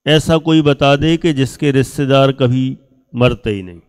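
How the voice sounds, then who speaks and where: A man teaching a class of students, speaking slowly with emphasis, asking them questions and acting out things people say. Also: mid-range voice, smooth. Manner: acts out quoted speech of others.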